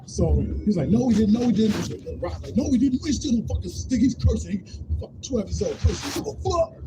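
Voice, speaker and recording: High-voiced man telling a wild story. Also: fairly quick, over music. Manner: animated, acts out quotes in different voices. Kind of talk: casual stand-up style storytelling. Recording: noisy live stream.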